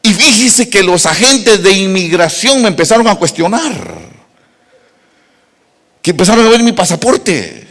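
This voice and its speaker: Lively high-voiced preacher from Costa Rica. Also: male voice, a little slow, creaky, long pauses, in a large hall. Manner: humorous storytelling, addressing the congregation directly. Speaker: pastor. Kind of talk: sermon.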